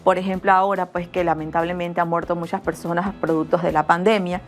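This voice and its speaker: A middle-aged schoolteacher, explaining grammar in a remote class and acting out example phrases in different tones. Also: female voice, on the low side, level tone, fairly quick, faint music behind. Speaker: school teacher.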